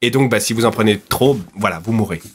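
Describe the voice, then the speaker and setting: A man's voice: on the low side, fast, husky. A man co-hosting a video, chatting casually and explaining things. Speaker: video co-host. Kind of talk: casual banter.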